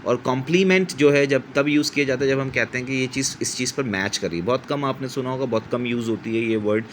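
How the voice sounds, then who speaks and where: A man's voice: medium pitch, quick pace, slight background noise. A middle-aged man from Pakistan teaching English vocabulary in a patient, explanatory way, repeating words to model their pronunciation and correcting himself as he goes. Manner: corrects himself mid-sentence.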